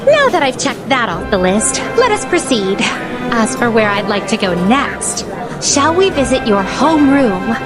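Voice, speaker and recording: High, lilting, formal otherworldly lady. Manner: formal, flowery, overly polite diction. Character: poised, curious, naive otherworldly female attendant visiting human places. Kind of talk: scripted video game dialogue.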